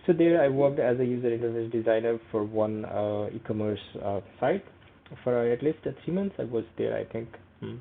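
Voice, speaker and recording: Speaking with a Nepali accent, this young native Nepali vlogger runs through a screen-share tutorial, his English hesitant and full of fillers and "okay"s. His mid-range, creaky voice is animated and moderately paced, over tinny phone-like audio with a bit of hiss or hum.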